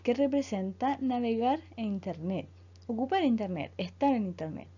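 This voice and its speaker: A woman from Chile, an English teacher speaking slowly and clearly as she leads a school lesson. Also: fairly high pitch, expressive, dark tone. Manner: slow, clear teacher delivery, repeating words for students. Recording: dull lo-fi voice recording.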